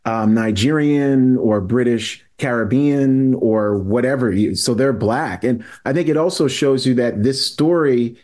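An earnest man from New York City talks through his view as a podcast guest, his voice sitting at an ordinary middle pitch. He explains patiently in a lecturing way, often stopping to restart a sentence before pushing on. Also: unhurried, hardly any pauses, darkish tone. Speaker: guest historian. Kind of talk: podcast conversation.

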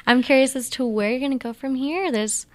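Friendly woman, smooth and high voice. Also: brisk. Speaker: podcast co-host, agriculture journalist. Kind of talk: casual interview.

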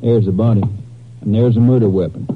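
A man playing a plain-spoken, helpful sheriff with a husky voice in a radio crime drama. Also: on the low side, fairly even intonation, a little fast, noisy background, lightly acted. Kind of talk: old-time radio crime drama acting. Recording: muffled vintage radio recording.

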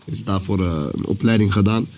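A young male guest at a casual dinner chat, rambling in a relaxed way with lots of slang. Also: low voice, brisk, faint music behind.

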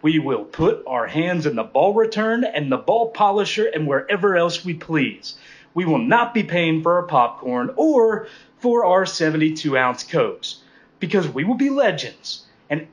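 A man playing a bombastic, cocky coach who delivers a grandiose, sweary, comedic halftime pep speech to his team. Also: a little high. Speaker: coach giving pregame speech.

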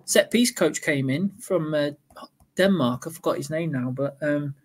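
A man co-hosting a fantasy football podcast, chatting in an excitable, casual way. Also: a little high, normal speed. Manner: chatty, excitable, fan talk. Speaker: podcast co-host. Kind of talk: casual chat.

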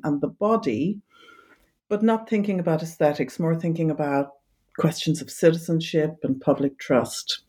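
Academic woman from Ireland, lowish mellow voice, measured and hesitant, interview guest. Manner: thoughtful, hesitant with fillers. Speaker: author and design history academic. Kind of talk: interview answers.

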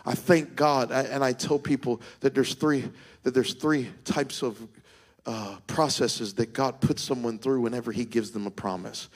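A middle-aged male pastor preaching a sermon, moving from quiet reflection to shouted, sing-song calls to the congregation. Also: mid-range voice, steady tone, moderate pace.

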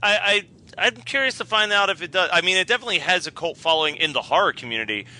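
A man co-hosting a casual movie review chat, rambling excitedly, laughing often and swearing. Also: sits high, quick pace. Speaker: podcast co-host.

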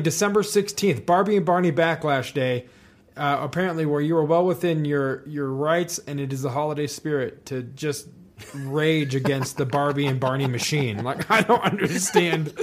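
A man's voice: fairly high pitch, moderate pace, slight background noise. A man co-hosting a podcast in casual chat, riffing playfully and laughing often. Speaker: podcast co-host.

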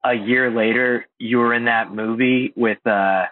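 A man from Indiana chatting casually as a podcast host, halting with many fillers and restarts. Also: mid-range voice, fairly even intonation, no room sound. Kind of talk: casual chat. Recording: dry, phone-like, husky sound.

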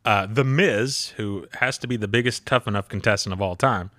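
Speaking at a normal speed with a fairly low pitch, a man of thirty co-hosts a wrestling podcast in a lively, casual manner. He laughs a lot and imitates voices when quoting others, and the sound is dry and clean, like a studio.

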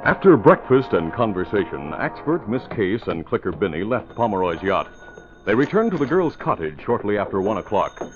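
A man's voice: lowish voice, very animated, normal speed, over music. A man giving scripted narration for an old-time radio drama. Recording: old radio broadcast, thin narrow band.

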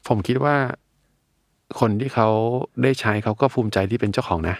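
A man's voice: mid-range voice, normal speed, slightly rough, dry recording, studio quality. A man who founded a brand talks frankly and casually in an interview, thinking aloud with fillers and the odd swear word.

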